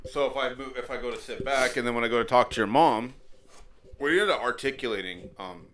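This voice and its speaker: A man's voice: medium pitch, a little fast, a bit bright, a little hiss or hum. A middle-aged man co-hosting a casual family podcast, joking and swearing now and then as he chats into a desk mic with headphones on. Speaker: podcast co-host, father. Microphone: studio headphones and desk mic.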